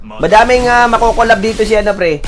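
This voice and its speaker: A man giving excited commentary while playing a mobile battle game, shouting calls to his team and laughing. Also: high-pitched, fast, soft background music.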